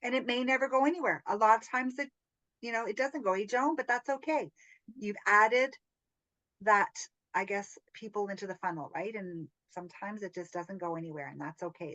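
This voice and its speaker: A woman's voice: mid-range voice, no echo, poor audio. Chatty, laughing woman coaching a group. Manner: chatty storyteller, animated, laughs often, says "right?" a lot. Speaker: business training host. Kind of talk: casual group coaching call.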